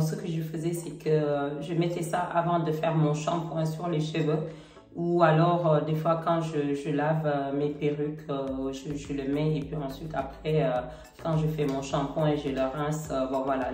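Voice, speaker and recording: A middle-aged beauty vlogger with a cold talks casually to camera about products, her low voice slightly congested. She sounds relaxed and hesitant, using many fillers. The recording is roomy and slightly distant, with faint music.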